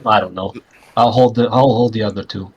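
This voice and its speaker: Blunt lower-voiced man at a tabletop game. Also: fairly even intonation, a little fast, muffled recording, crowd noise. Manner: blunt, swears casually. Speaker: player.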